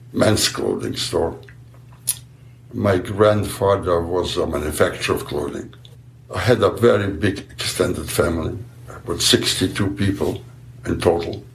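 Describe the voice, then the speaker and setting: A man in his nineties from Galicia, answering interview questions haltingly and repeating words as he searches for them. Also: low voice, creaky, reverberant, a little hiss or hum. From Galicia, then Poland, now Ukraine. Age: 90s. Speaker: interviewee, survivor. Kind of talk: slow unhurried answers in an interview.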